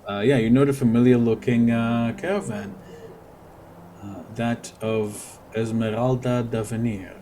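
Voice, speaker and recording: A man improvising descriptive narration as game master of a tabletop game, speaking haltingly. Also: medium pitch, fairly even intonation, dark tone, slight background noise.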